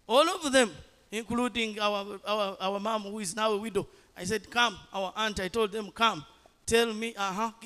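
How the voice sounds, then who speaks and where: A man preaching a sermon, telling a testimony and building to loud exhortation. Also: high voice. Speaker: pastor. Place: large chapel with long reverb. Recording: reverberant church hall.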